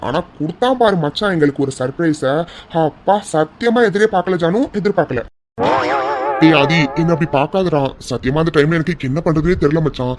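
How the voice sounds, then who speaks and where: A sheepish young groom in a cartoon, flustered and apologetic, voiced by a narrator. His voice is ordinary and mid-pitched, often dropping low. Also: a little fast, a little mellow, natural voice. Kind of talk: cartoon voice acting.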